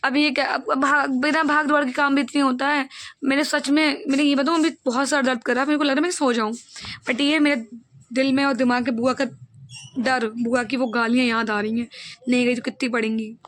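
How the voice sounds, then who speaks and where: A young woman vlogging at home, a college student who chats fast and loosely to her viewers. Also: high-pitched, little pitch movement, a bit bright. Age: young adult. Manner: fast, chatty talker. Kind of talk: casual vlog chat. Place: at home indoors.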